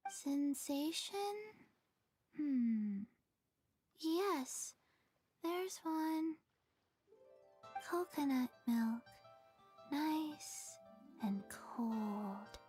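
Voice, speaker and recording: A woman voicing a small, listless undead girl in a game cutscene, speaking in a halting deadpan. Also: high voice, dry recording, soft background music, exaggerated voice. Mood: blank. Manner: deadpan, halting, monotone delivery.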